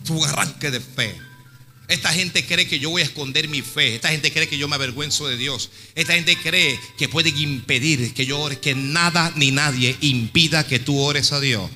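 A male preacher delivers a dramatic sermon in a bright, slightly high voice. His words echo with a long hall reverb. Quiet music plays behind him. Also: normal speed. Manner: dramatic storytelling preaching with swings between hushed and shouted.

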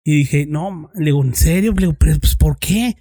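A man's voice: on the high side, fairly quick, warm tone. A man with a Mexican accent, a former police investigator, telling a story to friends in casual chat, swearing freely and acting out both sides of the dialogue.

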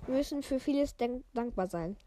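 A woman reading a gentle old wizard headmaster. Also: high-pitched, lively intonation, brisk, slight background noise. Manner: read in her own voice, stumbling over words.

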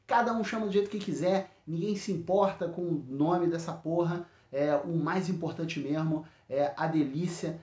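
A man from Rio de Janeiro with a Carioca accent, hosting a solo podcast of blunt, profane rants and often filling pauses with "é". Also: a little high, darkish tone, roomy sound, highs cut off. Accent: Carioca Brazilian Portuguese. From Rio de Janeiro, Brazil. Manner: blunt, profane, frequent filler "é". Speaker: podcast host. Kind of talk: solo complaint podcast rant.

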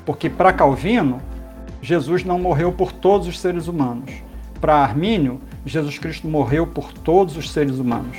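A man, a pastor, calmly explaining theology in a podcast conversation, pausing often with fillers. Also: a little high, faint music behind. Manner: explanatory, measured, with many fillers.

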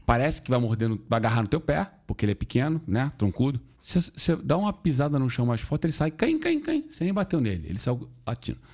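A man's voice: medium pitch, fast, hardly any pauses. A man telling stories in a casual podcast chat, full of slang and swearing, acting out quoted voices. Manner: animated storytelling with slang and swearing.

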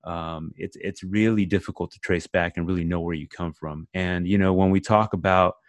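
A man's voice: low voice, steady tone, moderate pace, dry recording. A man hosting a casual conversation, speaking earnestly and reflectively as he restarts his phrases.

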